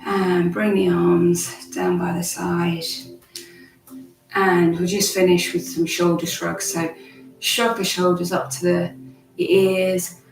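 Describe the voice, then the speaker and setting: A woman guides relaxation in a soft, calm spa-like voice. Her pitch sits slightly low and her pace is very slow, leaving long pauses between short phrases. Faint music plays behind her. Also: creaky, reverberant, poor audio. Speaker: guided meditation and gentle movement instructor. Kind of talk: guided meditation and relaxation instruction. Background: background music.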